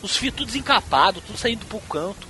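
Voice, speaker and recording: A man from Brazil telling a wild story in a casual, profane and animated way, acting out what people said. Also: sits high, fast talker, slight background noise. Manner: profane, animated storyteller who acts out quotes. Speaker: podcast host.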